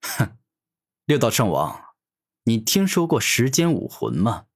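A man's voice: mid-range voice, huge pitch swings, a little slow, husky, exaggerated voice. A man doing a cocky mocking young hero. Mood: smug. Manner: taunting, sneering.

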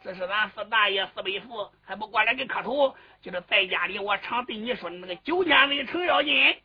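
A man's voice: high voice, expressive, a little fast, breathy edge, heavily acted. Brief: man playing a firm young general in a traditional storybook tale, muffled recording. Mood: scolding. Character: young commanding general, stern but tender. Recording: dull lo-fi recording with faint fiddle.

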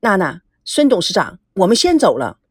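A woman voicing a calm, composed woman who speaks in a measured, reproachful way. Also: mid-range voice, husky, no room sound, studio quality.

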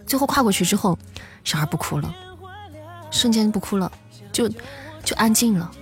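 A woman's voice: medium pitch, animated, moderate pace. A woman livestream host chats her way through a creepy tale to her viewers. Her talk is loose and full of restarts, and she often asks them if they follow. Faint music plays under her voice. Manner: chatty, often checks in with listeners and restarts her sentences. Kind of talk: casual storytelling to a live audience.

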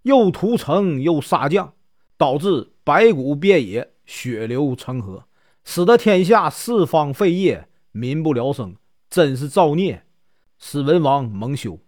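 A man's voice: a little high, big pitch swings, takes it slowly, darkish tone, dry recording, clean studio sound. A man voicing a stern, loyal old male court minister who declaims solemnly in a told story. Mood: scolding.

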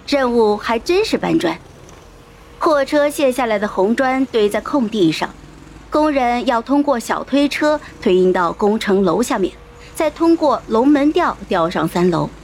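A woman's voice: fairly high pitch, a little mellow, a little hiss or hum. A woman narrating a novel as an audiobook, telling the story expressively.

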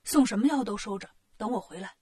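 A woman voicing a cheeky, boastful male monkey king in a storybook tale, brisk and cocky, with a husky voice. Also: medium pitch, expressive, a little mellow, pitched below the performer's own voice.

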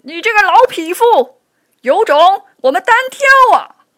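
A woman voicing a furious, boastful male warlord who shouts threats across a river. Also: very high-pitched, big pitch swings, a little slow, voice pushed up, exaggerated voice.

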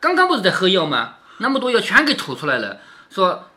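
A man reads a classic novel to his daughter at home and stops often to explain it in plain, chatty terms. His pitch moves a lot, and he drops low for quick check-in questions. The tone is bright and forward. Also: huge pitch swings. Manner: chatty, keeps asking "right?" with a dropping tag. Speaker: father reading to his daughter. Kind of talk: storytelling with casual commentary.

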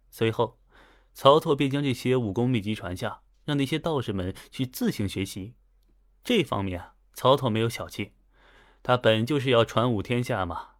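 Chatty male audiobook narrator. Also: medium pitch. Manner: chatty, lively asides. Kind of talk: audiobook storytelling.

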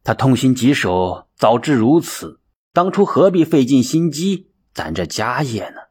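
A man narrating a folk tale as an expressive, dramatic storyteller. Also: medium pitch, measured pace, slightly rough. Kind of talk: audiobook storytelling.

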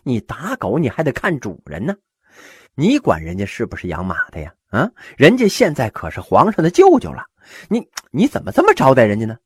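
A fed-up emperor, as a storyteller puts him on, scolding in an exasperated tone. His pitch ranges widely and the voice is a little husky. The recording is dry and close. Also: wildly swooping pitch, normal speed, no room sound.

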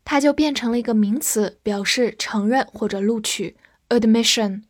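A woman whose first language is Chinese, teaching English vocabulary, patiently spelling words letter by letter and leading slow read-alongs. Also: on the high side, no room sound, studio quality.

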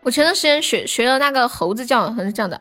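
Rapid-fire and animated, a Sichuan-born young woman with a bright, high voice talks casually to her stream audience as she games. She giggles playfully and yelps and shrieks in the middle of play, with soft, faint music behind her.

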